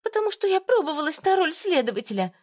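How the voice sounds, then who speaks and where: A woman voicing a frightened young female student who squeaks, sobs and answers back stubbornly in an audiobook. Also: big pitch swings, fast talker. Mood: defiant. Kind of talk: audiobook reading.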